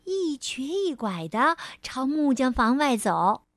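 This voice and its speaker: A woman storyteller reading a children's storybook aloud in a gentle, expressive way. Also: high-pitched, takes it slowly, no room sound, studio quality. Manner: gentle, expressive, lingering on phrases.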